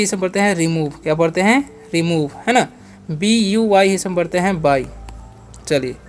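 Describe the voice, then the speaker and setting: A man's voice: high-pitched, a little hiss or hum. A man teaching English words, spelling each one letter by letter and repeating every meaning as a drill. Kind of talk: phonics and vocabulary lesson.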